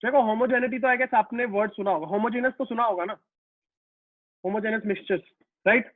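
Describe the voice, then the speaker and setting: Lecturing live online, a physics teacher addresses his students as "beta," answers his own questions, and explains through everyday examples. His voice sits high with a steady tone and brisk pace, recorded dry and tinny like a phone, without echo.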